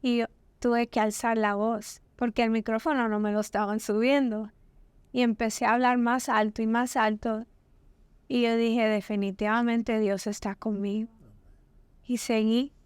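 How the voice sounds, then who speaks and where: A woman with a higher, smooth and resonant voice tells her personal testimony as a podcast guest. She recounts the story vividly, slipping into the voices of the people she quotes. The sound is dry and close, as in a small studio. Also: flat delivery, unhurried, no room sound. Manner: vivid, acts out quoted dialogue.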